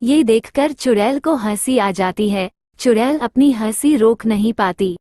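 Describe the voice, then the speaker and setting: A woman's voice: fairly high pitch, measured pace, a little mellow, no room sound, studio quality. A woman narrating a cartoon story in plain scripted storytelling.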